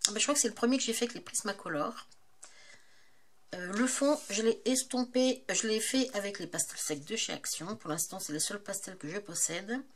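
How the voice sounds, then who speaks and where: A woman's voice: mid-range voice, fairly quick, slight background noise. Chatty woman vlogger with many fillers. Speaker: craft vlogger. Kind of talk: casual show-and-tell chat.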